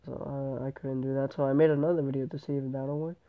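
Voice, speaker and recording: A gameplay channel host with a stuffy nose from a cold gives casual game commentary, rambling fast and often correcting himself. His medium-pitched, level voice comes through a tablet microphone, sounding tinny and phone-like.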